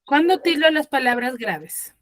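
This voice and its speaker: A woman teacher giving an online class, quizzing her students and slowing down to stress key words. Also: high-pitched, sing-song, no room sound. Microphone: computer mic on a video call.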